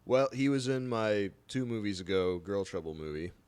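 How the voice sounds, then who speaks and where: A man's voice: fairly low pitch, lively intonation, moderate pace, a little mellow, smooth. A man, a filmmaker guest on a podcast, telling anecdotes in an amused way. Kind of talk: casual interview chat.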